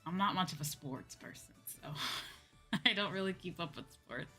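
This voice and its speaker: A woman hosting a livestream as a virtual streamer chats casually with viewers, thinking aloud and circling back over her points. Her lowish voice is bright and forceful at a moderate pace, with background music playing.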